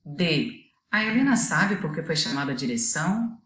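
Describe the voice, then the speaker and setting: A woman teacher with a Brazilian Portuguese accent talks through a video lesson in a low voice. She explains patiently and pauses to let the students work out the answer. The room around her is noticeably echoey. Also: very animated, a bit bright.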